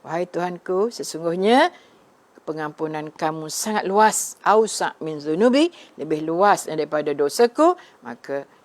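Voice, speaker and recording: A middle-aged woman religious teacher giving a gentle, conversational live online talk, often addressing her listeners directly. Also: on the low side, lively intonation, a little slow.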